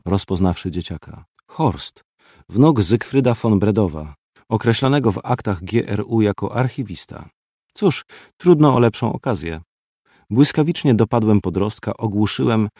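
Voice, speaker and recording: A man narrating a first-person audiobook in a terse, gruff manner. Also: on the low side, warm tone, no echo, studio quality.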